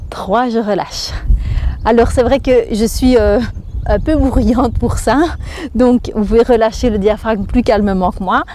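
Her voice sits fairly high and sounds warm, with fairly even intonation and a measured pace, plus a little hiss or hum in the background. She's a woman in her thirties with a Belgian French accent, teaching a fitness lesson and counting and breathing through every move she demonstrates.

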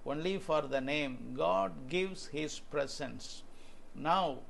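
Slow gravelly older Indian-accented preacher. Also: male voice, fairly high pitch, a little hiss or hum. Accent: Indian English. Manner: slow, earnest preaching with scripture quotes. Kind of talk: home video sermon. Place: small indoor room.

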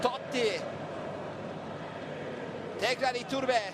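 A man commentating live on a football match in short, clipped phrases with an excited, raised voice. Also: extremely high pitch, extremely slow. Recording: loud stadium crowd noise behind voice. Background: roaring football crowd.

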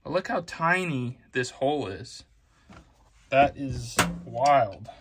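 A DIY HVAC video host with a medium-pitched, lively voice talks slowly as he casually explains each step of a repair in a basement utility room. The background is noisy.

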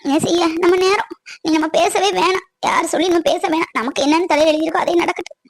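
A hurt, gentle young woman in a cartoon, voiced by a woman, pleading and sorrowful. Her voice rides high and thin, close to crying. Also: fairly even intonation, fast. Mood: tearful. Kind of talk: cartoon voice acting.

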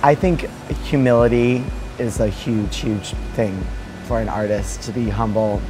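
A man's voice: lowish voice, steady tone, measured pace, music in the background, low-quality recording. A man in his thirties, a dance teacher, giving reflective interview answers with many fillers and restarts, recorded on a lapel mic in a large hotel lounge.

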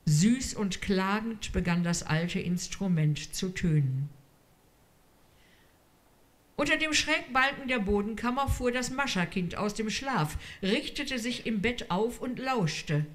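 A woman reading a literary story aloud in a measured storytelling manner. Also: mid-range voice, expressive. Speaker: reader.

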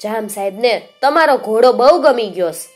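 A woman's voice: fairly high pitch, expressive, normal speed, a little mellow, faint music behind, close to an everyday voice. A woman doing a polite royal messenger. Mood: respectful. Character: humble, nervous royal male messenger.

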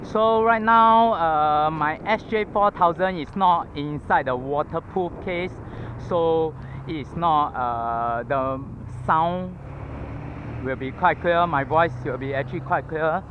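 Captured on a head-mounted action camera, the lo-fi audio carries passing traffic from a city roadside pavement where a Singaporean vlogger rides his scooter. He chats casually in Singaporean English with fillers, panting a bit from exertion. His voice leans high and he takes his time.

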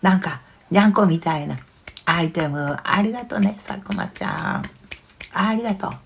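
An older woman chatting casually on a live stream, reading viewer comments aloud with frequent soft fillers. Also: fairly low pitch, normal speed, gravelly, slight background noise.

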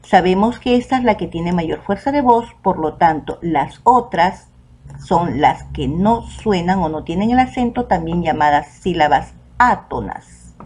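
A woman teacher with a Peruvian Spanish accent, giving a recorded online lesson to children and saying the example words out slowly and clearly. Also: lowish voice, lively intonation, a little mellow, a little hiss or hum. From Peru.

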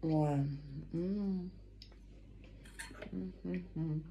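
A woman, talking slowly with her mouth full while eating on camera, murmuring between bites. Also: lowish voice, fairly even intonation, vocal fry, muffled recording, a little hiss or hum. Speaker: mukbang vlogger. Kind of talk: casual eating vlog.

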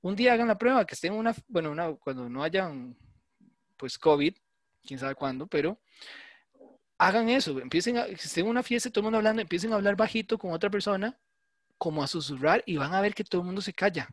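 Fairly high-voiced man lecturing. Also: expressive, quick pace, no room sound, clean studio sound. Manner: conversational, explains with frequent "¿verdad?" checks. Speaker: university lecturer. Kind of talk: online class lecture.

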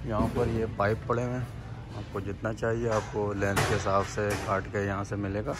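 Man from Pakistan, 30s, casual store-tour vlogger, low even voice, rambling with fillers, loud music under him. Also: normal speed. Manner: loose, rambling, thinks aloud with fillers. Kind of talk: casual walking-tour vlog. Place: big-box hardware store, indoors, then outdoor parking lot. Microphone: phone held by the walker, then at arm's length.

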